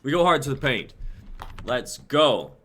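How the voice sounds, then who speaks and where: Unhurried yet animated, a man in his twenties hosts a script-reading show on a livestream with a medium-pitched, slightly bright voice. He is loose, amped up and sweary, and his home stream audio is noisy.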